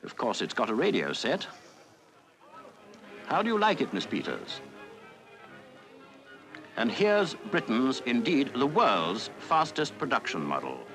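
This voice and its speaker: A man's voice: medium pitch, huge pitch swings, a little slow, long pauses, a bit bright, soft background music. A man giving jaunty, chatty commentary as a 1948 newsreel voice-over. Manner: jaunty, chatty tour-guide delivery. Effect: old newsreel voice-over.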